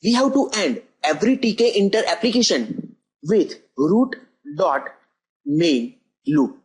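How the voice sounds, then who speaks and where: Coding tutor walking thru a screen recording step by step, husky voice, mid pitch. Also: darkish tone, low-quality recording. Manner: methodical, repeats "as you can see over here".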